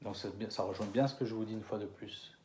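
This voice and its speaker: French male lecturer, low voice, halting delivery with fillers, slows down to spell out names. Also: darkish tone, slight background noise. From France. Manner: hesitant, many fillers and restarts, slow over names. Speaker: conference speaker. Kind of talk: lecture to an audience. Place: conference hall.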